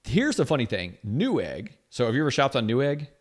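A man's voice: medium pitch, huge pitch swings, brisk. Male co-host, loose rambling storyteller, casual gaming talk. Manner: rambling storyteller, filler-heavy. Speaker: podcast co-host. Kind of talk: casual chat.

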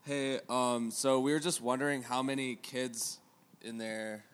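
Guy prank calling, halting and hesitant, lots of ums, mid voice. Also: medium pitch, steady tone, clean tone. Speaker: prank caller. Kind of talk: prank phone call comedy.

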